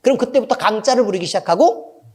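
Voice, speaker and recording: A middle-aged man preaching a sermon as pastor, telling a story with asides to the congregation, swinging between loud emphatic bursts and low, quiet remarks. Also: lively intonation, quick pace, husky.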